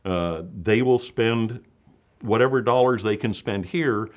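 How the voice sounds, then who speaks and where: A man's voice: fairly low pitch, measured pace, a little hiss or hum. A man speaking as a local official in a promotional interview, upbeat and boosterish.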